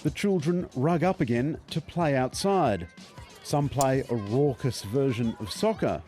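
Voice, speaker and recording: A man reads a documentary voice-over in an even, measured way. Faint music plays underneath. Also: medium pitch. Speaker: documentary narrator. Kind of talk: scripted narration.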